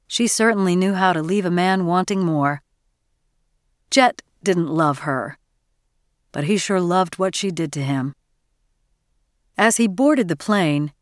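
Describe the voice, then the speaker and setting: A woman narrating an audiobook in a measured, even storytelling manner, close to the mic. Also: lowish voice, no echo. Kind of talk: scripted narration.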